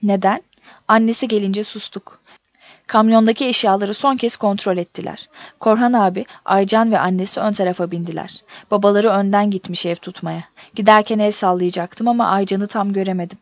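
A woman reading a first-person story aloud in a steady, measured audiobook narration. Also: medium pitch, no room sound. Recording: dull dry recording.

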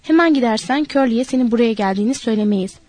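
A woman's voice: a little high, quick pace, darkish tone, dry recording, close to an everyday voice. A woman voicing a nervous, placating old male ranch hand. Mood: pleading.

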